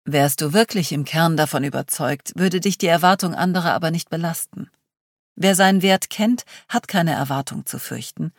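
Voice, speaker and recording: A reader voicing a calm man who leads a group and asks probing questions in an audiobook. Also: on the high side, normal speed, gravelly, no room sound, studio quality. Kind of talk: audiobook reading.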